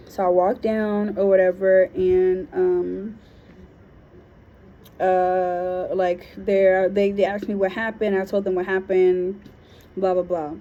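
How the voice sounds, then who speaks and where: Woman from Liberia, casual storytelling vlog, frank and slangy, warm low-key tone, muffled recording. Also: steady tone, slow pace. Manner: frank and slangy, with lots of fillers. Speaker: vlogger. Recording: dull lo-fi sound with faint noise.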